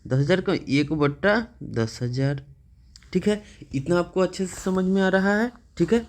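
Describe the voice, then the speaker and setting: A man's voice: high-pitched, normal speed. A man teaching a math lesson, patiently asking questions and checking in with "okay" often.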